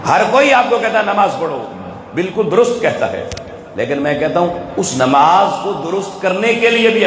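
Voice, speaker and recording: A man's voice: a little high, fairly bright tone, a little hiss or hum. Pakistani man preaching in an echoey hall. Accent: Pakistani Urdu. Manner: rhetorical questions, urging the audience directly. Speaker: religious speaker. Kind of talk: sermon to a live audience. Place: event hall with an audience. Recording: echoey hall, faint ambience.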